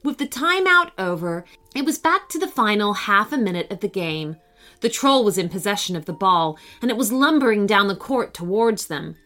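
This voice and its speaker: A woman narrating a children's story in an expressive, animated way. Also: medium pitch, moderate pace.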